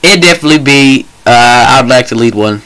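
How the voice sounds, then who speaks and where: A man's voice: medium pitch, a little fast, bright, forceful tone, slight background noise, poor audio. A young man co-hosting a casual podcast, asking would-you-rather questions and joking around in a rowdy, teasing way. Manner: rowdy, joking, slips into mock voices and quotes.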